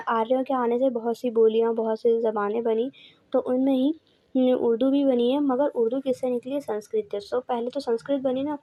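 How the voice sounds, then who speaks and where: Walking through course notes in an online lecture, a female teacher asks herself questions, supplies the answers and rephrases every point. The audio is dull with no echo, and her pitch sits a little high.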